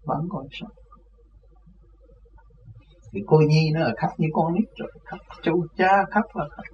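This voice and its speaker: A man telling a personal religious story in an animated way, often laughing. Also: on the high side, a little slow. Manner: animated, laughs often, voices others in his tale. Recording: lo-fi with faint background noise.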